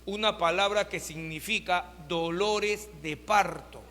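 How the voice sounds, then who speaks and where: A man preaches a sermon in a high, bright voice, throwing rhetorical questions at his congregation. His voice rings through a reverberant hall with a long tail of echo. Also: takes it slowly. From Peru. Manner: rhetorical questions, addresses listeners as brothers. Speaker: pastor.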